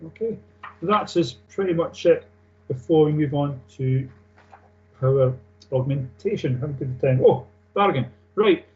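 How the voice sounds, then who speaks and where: A male technical instructor lectures a class in an informal, matter-of-fact way. His voice sits a little high for a man. He reads out procedures and explains them plainly, and the recording is dull and lo-fi. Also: a little slow, a little mellow. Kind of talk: classroom lecture on aircraft engine maintenance, reading and explaining. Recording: dull lo-fi sound.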